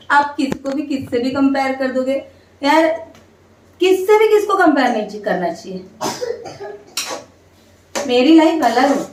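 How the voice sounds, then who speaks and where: A woman's voice: high-pitched, far from the mic. A young woman, chatting casually with her viewers while she cooks, venting and explaining as she goes. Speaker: family vlogger and mother of two. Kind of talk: casual chat while cooking. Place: home kitchen. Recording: echoey room, light background noise.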